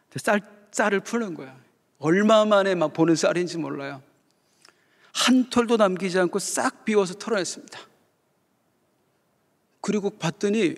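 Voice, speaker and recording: A man's voice: high voice, creaky, in a large hall. A male pastor preaching a sermon, telling a story and building up fervent rhetorical questions. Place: church sanctuary.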